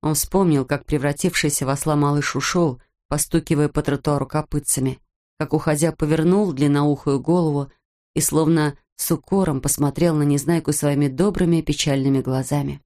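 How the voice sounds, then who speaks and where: A woman with a fairly low voice reads a children's story aloud. Her narration is expressive and measured.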